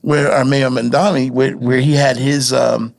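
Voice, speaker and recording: A man co-hosting a podcast, speaking earnestly in a halting way, often repeating words. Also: mid-range voice, level tone, creaky, darkish tone. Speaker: podcast co-host. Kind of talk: casual podcast chat.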